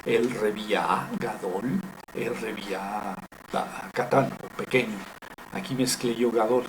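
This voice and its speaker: A man teaching Biblical Hebrew in a recorded lecture, explaining deliberately with frequent fillers and self-corrections. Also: medium pitch, noisy background.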